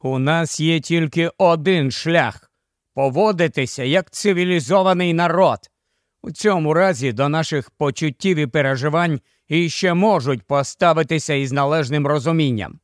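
A man's voice: fairly high pitch, moderate pace, dry recording, clean studio sound, close to an everyday voice. A man voicing an irate, blunt scientist who scolds the council. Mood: scolding. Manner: angry, blunt.

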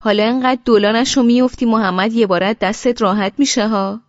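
A woman reading an audiobook and voicing a teasing young man who speaks in loud, mocking banter, raised above her usual voice. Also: medium pitch, dry recording, dull audio, voice pushed up, natural voice. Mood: joking.

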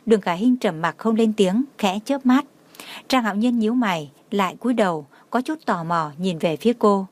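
A woman's voice: mid-range voice, moderate pace. Woman reading an audio novel. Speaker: narrator.

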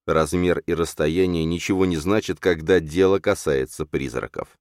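A man narrating a novel aloud in an expressive storytelling reading. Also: sits low, moderate pace, no echo, studio quality. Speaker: audiobook narrator. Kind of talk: scripted narration.

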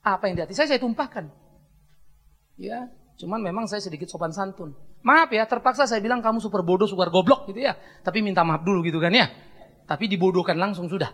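A middle-aged man preaching a sermon as pastor, blunt and joking, swinging between soft asides and loud scolding. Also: high-pitched, fast, husky.

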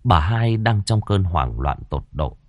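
A man narrating a ghost story in an expressive, dramatic storytelling manner. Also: low voice, measured pace, no echo, lo-fi sound. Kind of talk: scripted horror story narration.

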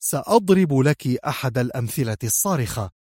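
A man's voice: medium pitch, expressive, fairly quick, darkish tone, breathy edge, no room sound, studio quality. A man voicing a smug male impostor who answers with arrogant mockery. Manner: arrogant, mocking. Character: smug man mimicking a crime boss.

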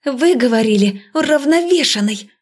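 A woman's voice: high voice, animated, moderate pace, pitched above the performer's own voice. A woman voicing a stubborn, cheeky young witch who mocks and defies. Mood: defiant. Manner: mocking, defiant.

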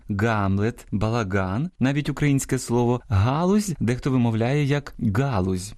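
A man hosting an educational radio program on language, explaining words in a measured way and stressing each example. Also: medium pitch, dark tone. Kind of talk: scripted educational radio talk.

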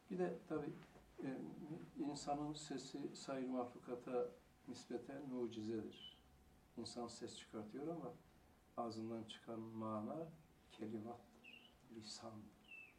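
A man delivers a religious lecture, posing questions and then answering them, with slow weight on key words. His voice has a gravelly edge and sits at a middle pitch. He is recorded from a distance in a reverberant room with a faint hiss behind him. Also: darkish tone. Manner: poses rhetorical questions and answers them himself; slow, deliberate emphasis on single words. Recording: echoey room, mic far off, faint hiss.

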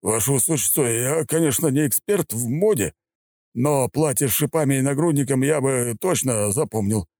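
A man voicing a nervous middle-aged border officer in an audiobook, strained and stammering as he tries to stay calm. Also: mid-range voice, moderate pace, dry recording, pitched above the performer's own voice, close to an everyday voice. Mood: strained polite.

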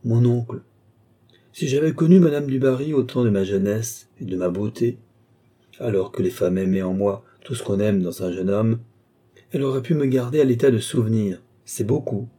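A man's voice: medium pitch, normal speed, dark tone, slightly rough, lightly acted. A man reading an audiobook, voicing an eloquent middle-aged duke who pleads and declaims with fervour. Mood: impassioned.

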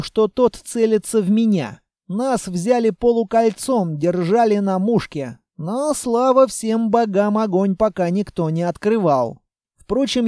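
Male narrator, first-person audiobook, high mellow voice, slow. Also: dry recording, studio quality.

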